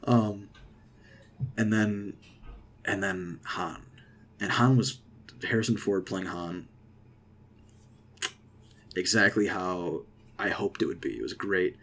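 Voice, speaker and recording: A young man casually rambling through an excited movie reaction, with lots of fillers and restarts. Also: deep voice, slow pace, long pauses. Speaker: vlogger.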